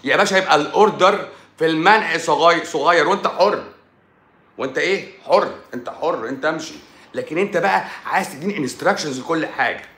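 An Egyptian man, a doctor hosting his own live stream, talking in an animated, sarcastic monologue and repeating points for emphasis. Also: fairly high pitch, fast talker, roomy sound. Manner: sarcastic, mocks critics in a playful tone; repeats himself for emphasis with frequent stumbles.

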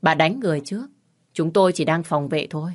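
Woman reader doing a young male lawyer, calm, confident, measured, slightly low voice, audio story. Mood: cool. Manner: measured and coolly threatening.

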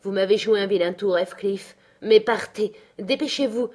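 A woman voicing a proud, quick-tempered young woman in an audiobook, scornful and dramatic. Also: mid-range voice, darkish tone, lightly acted. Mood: urgent. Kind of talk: audiobook character reading.

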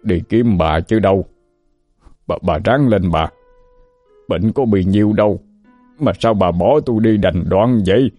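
A man's voice: lowish voice, a little slow, long pauses, warm tone, no room sound. A man voicing a tearful old village husband who stammers and pleads, with faint music behind. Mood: pleading tearful.

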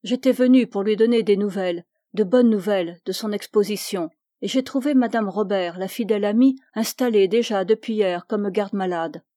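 A woman's voice: medium pitch, moderate pace, few pauses, mellow, no room sound, clean studio sound, natural voice. A woman reading the part of a dismissive man who brushes off a visitor in an audiobook. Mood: offhand.

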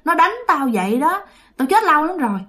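A woman voicing a gentle male ghost of a tortured man who moans about his pain. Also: high-pitched, big pitch swings, fairly quick, voice pushed up. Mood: weary. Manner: plaintive, complaining of pain.

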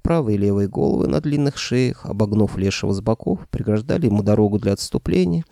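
Man, audiobook narrator, gravelly, mellow dark tone, dry close sound. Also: on the low side, lively intonation, quick pace, no room sound. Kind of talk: audiobook reading.

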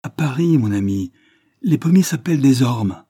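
A man's voice: medium pitch, expressive, normal speed, dark tone, breathy edge, pitched above the performer's own voice. A man reading aloud voices a worldly, composed woman painter who answers coolly and sparingly.

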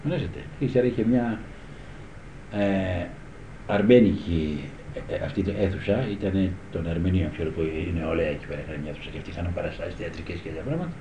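A man's voice: low voice, fairly even intonation, dark tone, slight background noise. An older man, a guitar teacher, reminiscing in a rambling, conversational way and often asking if his listeners understand. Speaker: guitar teacher recalling the past. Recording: echoey room, dull old tape.

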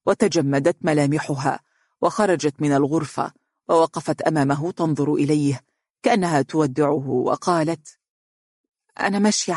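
A man narrating a novel in a steady, even storytelling voice. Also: on the high side, no room sound, clean studio sound. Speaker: audiobook narrator. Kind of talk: scripted narration.

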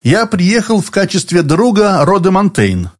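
A man reading an audiobook, voicing a calm, persistent lawyer who speaks evenly and deliberately. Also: high voice, pitched above the performer's own voice. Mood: calm, insistent. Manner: even, deliberate and insistent.

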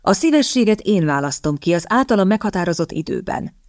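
Woman voicing a grumbling, sardonic gentleman. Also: mid-range voice, sing-song, dry recording, studio quality, natural voice. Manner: slow, grumbling, mocking. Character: grumpy, sardonic young gentleman.

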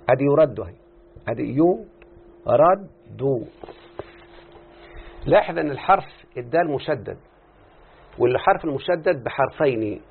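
Here an Egyptian-accented teacher of Arabic morphology explains a text to his students, quizzing them constantly with quick questions. He has a gravelly, husky voice of medium pitch, captured in a tinny, phone-quality lo-fi recording.

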